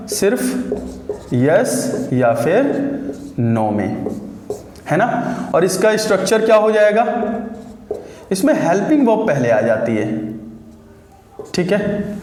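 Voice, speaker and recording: A man's voice: high-pitched, a little mellow. A man teaching English grammar for exam prep, who asks his class questions and answers them himself, repeating key words. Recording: echoey room.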